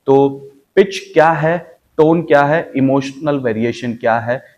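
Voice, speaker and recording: This acting coach, a man with an Indian accent, talks slowly at medium pitch with a slightly mellow tone. Demonstrating voice techniques for viewers, he teaches emphatically through repeated, parallel phrasing.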